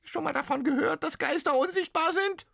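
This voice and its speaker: A man voicing a trapped male ghost in a storybook reading, with a very high, squeaky, shrill voice. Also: a little fast, creaky, fairly bright tone, no room sound, clean studio sound, exaggerated voice. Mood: yelping.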